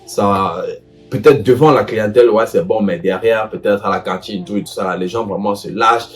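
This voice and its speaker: A man's voice: lowish voice, moderate pace. A young man giving casual advice to students, talking hesitantly with many fillers and restarts.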